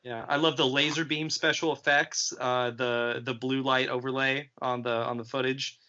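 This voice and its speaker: A man's voice: medium pitch, little pitch movement, moderate pace, sharp tone. A man co-hosting a film podcast, talking casually with lots of ums and restarts. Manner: hesitant, many ums and restarts. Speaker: podcast co-host. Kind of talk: casual film review chat. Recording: dull lo-fi podcast audio.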